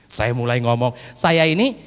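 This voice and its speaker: A man preaching a sermon as a pastor, telling a story with acted quotes and calling loudly to his listeners. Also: medium pitch, animated, normal speed. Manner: loud, forceful preaching, says he preaches loudly. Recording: echoey long-reverb hall, old sermon recording.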